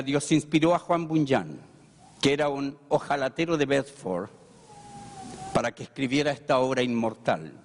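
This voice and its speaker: A man of middle pitch preaching a sermon as a pastor. His delivery is emphatic, climbing sharply on the words he stresses. His voice rings with a long reverb, as if recorded in a large hall. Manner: emphatic preaching, with strong rises on key words.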